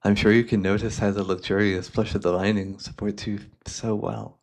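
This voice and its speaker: In a fantasy ASMR roleplay, a man plays a cultured, devious collector and hypnotist, gently coaxing in florid, theatrical language. His voice is lowish and level, delivered at normal speed.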